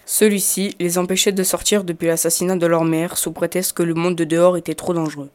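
Low-voiced woman telling a fairy tale. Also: level tone, brisk. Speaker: narrator. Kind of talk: read fairy-tale narration.

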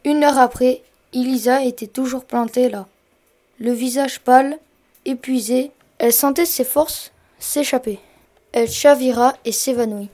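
A woman reads story narration in a plain, descriptive way. Her voice is high but has a mellow, dark tone. The reading is steady and even. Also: unhurried.

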